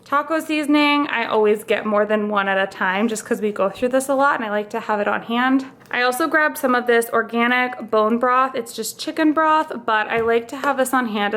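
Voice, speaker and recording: A young woman talks through her groceries in a casual, upbeat vlog style, scattering "like" and "um" as she goes. Her voice sits a bit high for a woman, and she sounds slightly short of breath. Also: fairly bright tone. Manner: chatty, upbeat, lists items with fillers like "like" and "um". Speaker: vlogger. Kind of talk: casual grocery haul narration.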